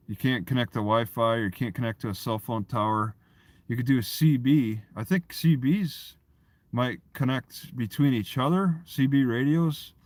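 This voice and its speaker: This live streamer has a medium-pitched voice captured in a dry recording. He chats casually and rambles, his speech halting as he keeps repeating and restarting phrases.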